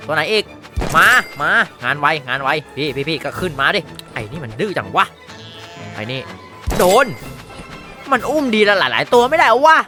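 A man streaming a horror hunting game, reacting with excitable, jokey exclamations and running commentary. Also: on the high side, normal speed, over music. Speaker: gaming streamer.

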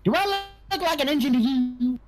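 A man playing a bumbling, indignant sheriff in game roleplay, with a husky, cracking voice. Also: very high-pitched, expressive, moderate pace. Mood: threatening, indignant. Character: excitable, bumbling, indignant Southern male sheriff. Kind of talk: improvised online game roleplay.

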